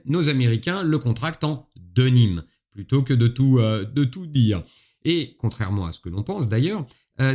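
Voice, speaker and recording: A man's voice: mid-range voice, darkish tone. Podcast host, a man from France, casual explainer, friendly asides. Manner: chatty, playful asides to listeners. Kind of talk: solo podcast explainer on history.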